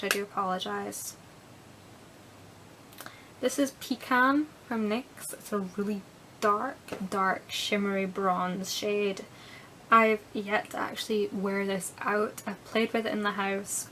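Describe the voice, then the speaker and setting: A woman's voice: mid-range voice, noisy background. A young woman chatting casually through a beauty product review, rambling a bit and dropping into whispered asides. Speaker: beauty vlogger.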